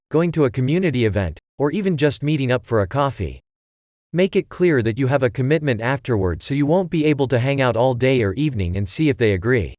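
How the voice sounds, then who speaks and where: A man's voice: medium pitch, dry recording. Man reading advice in a dry voice. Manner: even, measured reading of a numbered list. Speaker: narrator. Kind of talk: scripted advice narration.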